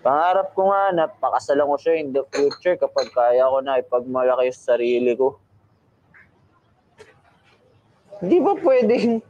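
A man's voice: mid-range voice, highs cut off, lightly acted. A young man with a Filipino accent playing a heartbroken, pleading, drunk boyfriend in a naturalistic film drama, outdoors at night. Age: young adult. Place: open-air bar at night. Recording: noisy outdoor night ambience.

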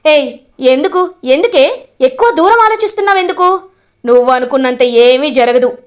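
A woman voicing a calm young man who reassures gently. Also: high voice, moderate pace. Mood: reassuring.

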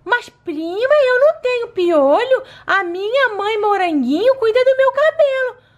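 A woman's voice: extremely high pitch, expressive, unhurried, lo-fi sound. A woman voicing a prim, suspicious cousin doll girl in a toy play video.

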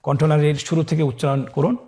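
A man from Bangladesh teaching the Quran in a recorded lesson, patient and instructive, stretching each letter name long and loud so listeners can repeat it. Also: on the high side, level tone, quick pace.

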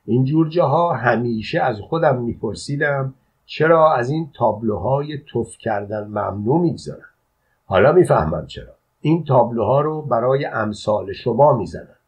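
A man reading an audiobook voices a calm soldier servant who scolds with unruffled, formal politeness. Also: mid-range voice, slightly rough. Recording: dull lo-fi audio.

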